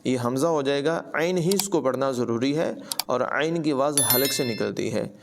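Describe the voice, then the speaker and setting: A man giving a tajweed lesson, chanting verses slowly and melodically, then explaining pronunciation rules in quick instructive speech. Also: medium pitch, background noise. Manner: alternates drawn-out melodic recitation with brisk instructive commentary. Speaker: Quran recitation teacher.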